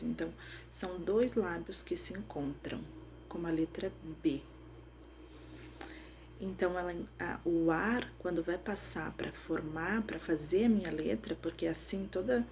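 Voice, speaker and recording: A woman's voice: lowish voice, mellow, slight background noise. A woman teaching children about letters and syllables, patiently sounding out each one. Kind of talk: explaining phonics to children.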